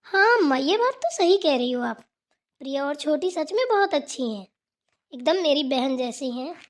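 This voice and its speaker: A woman voicing a polite, gentle young daughter-in-law in a cartoon. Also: high voice, expressive, normal speed. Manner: respectful, gentle. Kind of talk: cartoon voice acting.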